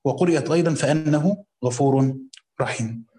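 A man with an Egyptian accent reading a classical religious commentary aloud, slowly voicing the text, then explaining it in casual colloquial asides. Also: mid-range voice, dark tone, roomy sound. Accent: Egyptian Arabic.

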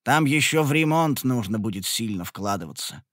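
A man voicing a practical male traveling companion in a storybook reading, speaking in a measured, matter-of-fact way. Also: medium pitch, animated, a bit bright, no room sound, clean studio sound, voice pushed down.

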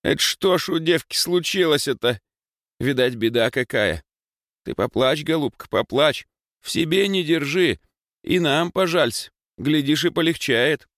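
A man's voice: on the high side, expressive, measured pace, fairly bright tone, no echo, studio quality, voice pushed up. A man voicing a kindly old village grandmother who fusses and comforts in a sing-song, lamenting way. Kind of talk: audiobook character voice.

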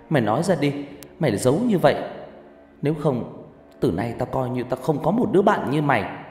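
A man voicing a desperate young woman who shouts and scolds her friend in a fast, forceful rush. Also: medium pitch, natural voice. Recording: echoey reverberant room, faint music.

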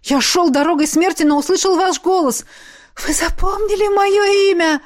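A woman playing an excited, rasping young necromancer. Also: very high voice, moderate pace. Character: eager young male necromancer, just revived.

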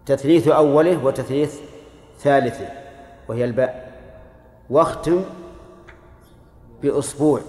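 A man's voice: mid-range voice, darkish tone. Older male teacher in an echoey hall. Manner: quizzing students, drilling word forms aloud. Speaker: teacher of Islamic law. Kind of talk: classroom lecture with students. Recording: roomy hall with long echo.

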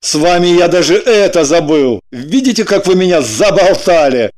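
A man's voice: high voice, expressive, normal speed, darkish tone. A man voicing a dry, sardonic man in an audiobook, matter-of-fact and mocking.

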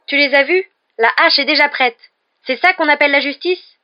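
Teenage wizard boy, indignant, loud and high, read by a man, dull lo-fi audio. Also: fast talker, no echo, natural voice. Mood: angry, glum. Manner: loud and heated.

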